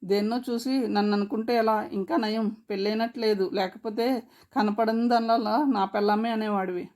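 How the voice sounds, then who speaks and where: A woman's voice: medium pitch, flat delivery, normal speed, a little mellow, natural voice. Rani, sassy village girl, as a woman reads her. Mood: scornful. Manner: sassy and mocking. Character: sharp-tongued teasing young village woman. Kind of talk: storybook reading.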